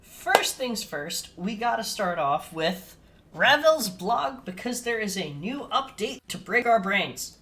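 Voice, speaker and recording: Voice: mid-range voice, lively intonation, unhurried, pushed and bright. Flustered, laughing stream co-host. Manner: flustered and self-deprecating, laughing through tech trouble. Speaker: co-host of a fan podcast stream. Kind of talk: casual live-stream chat. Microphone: streaming setup with desk mic.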